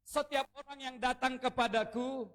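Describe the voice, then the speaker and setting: Male preacher with a strikingly high voice; lively, jokey sermon delivery that calls for congregation response. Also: moderate pace. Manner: animated, joking, leads the congregation in repeating phrases. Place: church worship service.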